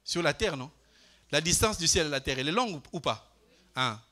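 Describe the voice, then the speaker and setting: An older pastor leads a Bible study in a church, questioning his congregation and alternating between loud proclamations and hushed asides. His voice sits fairly high, lively, and moves a bit quickly.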